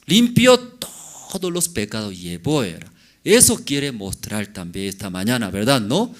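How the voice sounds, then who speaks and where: A man preaching a sermon as pastor, in halting non-native Spanish with broken grammar, often asking the congregation questions. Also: fairly low pitch, lively intonation. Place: church service.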